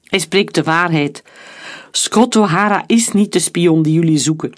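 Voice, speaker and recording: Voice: medium pitch, unhurried, dry recording, clean studio sound, natural voice. A narrator voicing an admiring young male welder, in a read-aloud story. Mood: earnest. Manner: enthusiastic.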